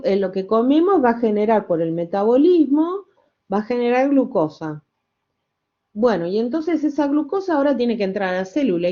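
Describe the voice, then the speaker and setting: A woman's voice: fairly high pitch, dark tone, muffled recording. An older woman giving a classroom lecture, explaining step by step with rhetorical questions, wry asides and frequent self-corrections. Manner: self-correcting, checks understanding with "¿sí?" and "¿no?". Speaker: university lecturer.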